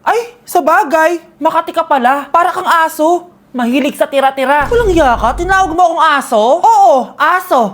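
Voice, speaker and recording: A woman's voice: extremely high pitch, normal speed. A woman performing a comedy sketch, switching between several classroom characters. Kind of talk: skit acting.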